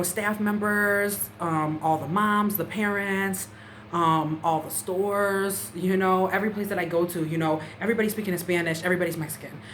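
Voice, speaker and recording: Casual woman vlogger, fairly low voice, rambling with lots of fillers, slight background hiss. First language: English. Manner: chatty, many "you know" fillers. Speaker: language-learning vlogger. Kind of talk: casual talk to camera. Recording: faint background noise.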